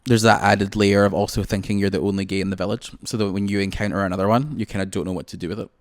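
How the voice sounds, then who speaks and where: Late-20s Scottish man, low-pitched, dry close mic, loose and self-mocking podcast co-host. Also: steady tone, racing, no echo. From Scotland. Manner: rambling, joking, self-deprecating. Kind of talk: casual chat.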